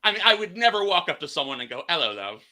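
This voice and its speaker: A man's voice: high voice, lively intonation, rapid-fire, sharp tone. A man hosting a casual podcast chat, rambling and restarting his phrases. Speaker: podcast host.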